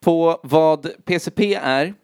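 Young male co-host, easygoing, quick backchannel replies, dry close mic. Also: a little high, darkish tone, smooth, dry recording. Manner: agreeable listener, lots of quick "yeah"s. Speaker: podcast co-host. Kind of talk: casual chat.

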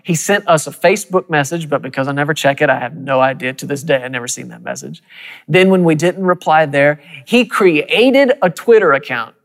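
Animated man telling a sermon story. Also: a little high, long reverb tail. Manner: animated storyteller, quick bursts and soft quiet asides. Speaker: preacher.

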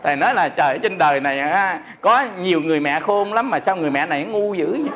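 A man's voice: a little high, animated, quick pace, background noise. A man preaching a Buddhist sermon, joking, chuckling often and asking his listeners whether they understand. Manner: jokey, laughs often, peppers talk with rhetorical questions.

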